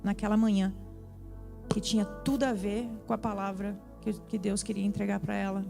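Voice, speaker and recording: A woman's voice: medium pitch, normal speed, gravelly, faint music behind. A young woman, sharing a personal testimony in a sermon and acting out the dialogue as she goes. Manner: animated storytelling, acts out dialogue. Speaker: preacher. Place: church.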